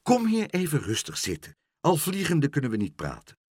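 A man voicing an anxious, fussy and kind older gentleman in a storybook reading. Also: fairly high pitch, huge pitch swings, moderate pace, breathy edge, no echo, studio quality, voice pushed up, full character voice. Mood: insistent. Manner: worried, fretful.

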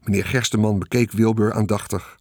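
Steady male audiobook narrator, dry close sound. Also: fairly low pitch, brisk, gravelly, no room sound. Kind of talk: scripted narration.

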